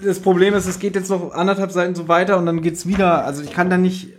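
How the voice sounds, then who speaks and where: A podcast host reading a detective gamebook aloud, breaking off for joking, chatty asides. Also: male voice, sits high, little pitch movement, fast, slight background noise.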